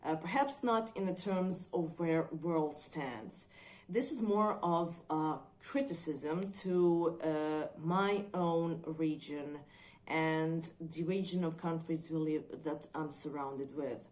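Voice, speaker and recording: A woman from Croatia, reviewing movies on her channel in a thoughtful, hesitant way with frequent pauses. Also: sits low, a little mellow. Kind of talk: unscripted video commentary.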